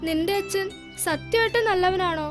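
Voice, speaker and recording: A woman's voice: extremely high pitch, moderate pace, soft background music. A woman voicing a kind ten-year-old boy who comforts his friend in a dubbed film. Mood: consoling. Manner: soft, consoling.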